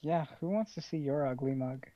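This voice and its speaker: A man's voice: on the high side, normal speed, muffled recording, slight background noise. A man co-hosting a podcast in casual chat, with dry, teasing banter. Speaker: podcast co-host.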